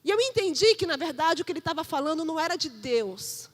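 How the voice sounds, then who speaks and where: A woman pastor preaching fervently in church, moving between loud emphatic preaching and soft storytelling. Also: high voice, very animated, fast. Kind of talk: sermon.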